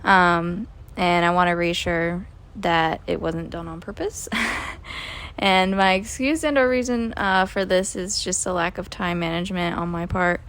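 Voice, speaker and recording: A woman's voice: fairly low pitch, a little slow, a bit bright. Young woman hosting a casual podcast. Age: 20s. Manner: frequent ums, conversational, explaining. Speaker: podcast host. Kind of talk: casual college podcast talk.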